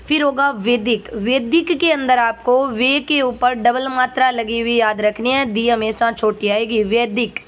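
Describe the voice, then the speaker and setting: Higher-voiced woman drilling grammar lesson. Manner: drills words by repeating each correct and wrong form. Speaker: Hindi grammar teacher. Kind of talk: exam-prep lesson.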